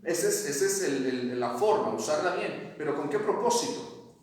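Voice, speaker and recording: A man's voice: fairly high pitch, lively intonation, normal speed. A man teaching a Bible study class, asking questions and reading verses aloud. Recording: echoey room, mic at a distance.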